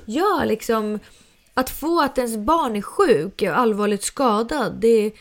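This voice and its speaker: A middle-aged woman hosting a podcast, telling a story in a casual, animated way with frequent fillers and some swearing. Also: medium pitch. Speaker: podcast host.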